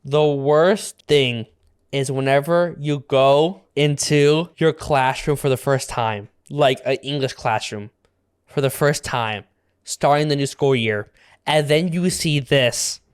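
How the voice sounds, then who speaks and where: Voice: mid-range voice, slow pace, clean tone. A reaction video host giving casual commentary who exclaims and laughs in disbelief.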